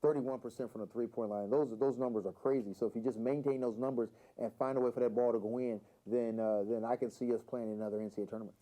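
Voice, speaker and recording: A man's voice: medium pitch, steady tone, quick pace, hardly any pauses, dark tone, low-quality recording. A man, a basketball head coach, giving interview answers and often repeating words as he starts a thought. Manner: repeats words as he gets going.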